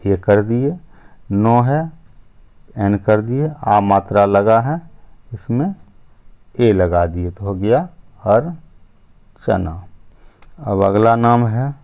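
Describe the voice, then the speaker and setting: A man's voice: fairly low pitch, animated, darkish tone. A man teaching a step-by-step spelling lesson, explaining patiently and repeating himself. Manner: slow, patient explaining with frequent "ठीक है" and "अब जो है". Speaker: English teacher.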